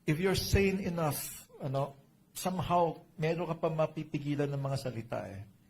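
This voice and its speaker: A man's voice: fairly high pitch, moderate pace, creaky, a little mellow, slight background noise. A middle-aged man with a Filipino accent preaching a sermon in a chatty way, mixing in English, often asking his listeners "right?" and adding joking asides. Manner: Taglish code-switching, conversational, asks "di ba?" often; jokey asides with laughter. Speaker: pastor.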